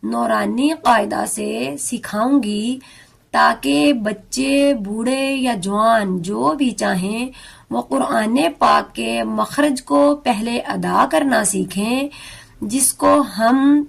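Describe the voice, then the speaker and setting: A woman teaching a beginner Quran recitation lesson, slowly and carefully sounding out letters and words. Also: a little high, gravelly.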